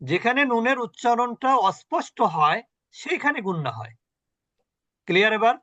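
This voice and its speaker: High-voiced man teaching over a call. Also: big pitch swings, sharp tone, dull audio. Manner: explains patiently, asks students questions, chants examples slowly. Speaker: Quran recitation teacher. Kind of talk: online class lesson. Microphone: video call.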